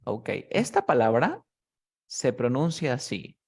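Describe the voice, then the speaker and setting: A husky, darkish male voice at medium pitch swoops wildly up and down while speaking slowly. He's coaching one student in English pronunciation over a video call, patiently explaining each step and frequently asking things like "¿cierto?" to make sure he's followed.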